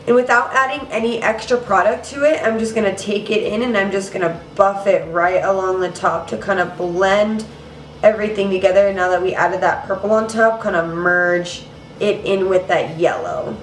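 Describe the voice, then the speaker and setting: A young woman hosts a makeup tutorial in a casual, chatty way, saying "girl" and "you guys," and sounds a little nasal and congested from allergies. Her voice is mid-range. The recording is roomy, with the mic at some distance and a slight hiss or hum.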